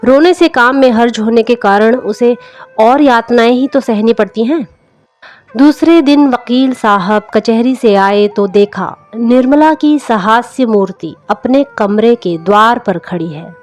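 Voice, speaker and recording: Reading a literary story aloud like an audiobook storyteller, a woman delivers a scripted narration in a slightly high, unhurried voice. Background music plays under her words.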